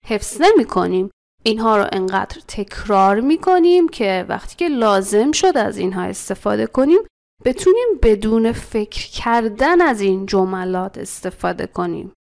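A woman teaching an English lesson as a voice-over. She explains the textbook with animated energy, slows down to model short phrases and repeats them for her students. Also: mid-range voice, creaky.

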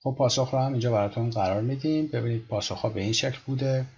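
A man teaching English pronunciation, patiently repeating words slowly to demonstrate. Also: mid-range voice, darkish tone, breathy edge, lo-fi sound. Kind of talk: explaining pronunciation in a lesson.

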